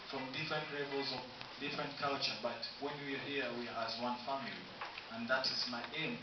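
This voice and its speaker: Tanzanian man giving a campaign speech, echoey. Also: medium pitch. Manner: formal, listing points, slow halting delivery. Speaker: student council candidate. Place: university room. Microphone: camera from afar, no mic. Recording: distant echoey room, dull hissy sound.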